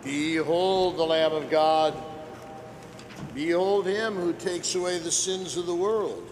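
A man serving as priest, reciting prayers at Mass in a measured, formal way, his voice carried by a long cathedral reverb. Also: a little high, steady tone, noisy background. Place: large church. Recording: church recording with long reverb.

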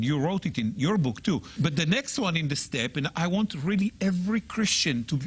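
Husky-voiced man, lively pitch, emphatic guest teacher who sounds words out. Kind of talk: animated teaching in a TV talk show.

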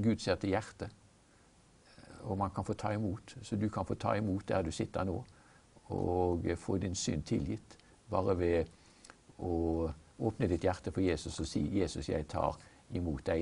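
A male preacher in an earnest, measured Bible discussion, explaining and telling stories. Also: low voice, gravelly, warm tone, slightly rough. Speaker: preacher, guest.

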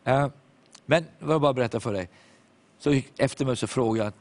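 A man preaching a sermon, telling a story with animated quoted voices and sudden hushed moments. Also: mid-range voice. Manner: drops to hushed tones at reflective moments.

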